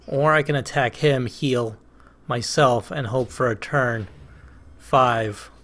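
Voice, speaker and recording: A man with a Boston accent talks through a card game at his desk mic, weighing each move aloud with plenty of pauses and second guesses. His voice sits at a middling pitch with a gravelly, creaky edge. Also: a bit bright. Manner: thinking aloud, hesitant, self-questioning. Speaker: gaming channel host. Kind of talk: casual let's play commentary.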